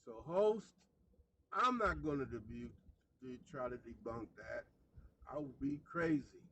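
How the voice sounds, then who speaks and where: A man's voice: mid-range voice, animated, measured pace, fairly bright tone, low-quality recording. Man, caller in a car, rambling, agreeable, faint road noise. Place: in a car, driving.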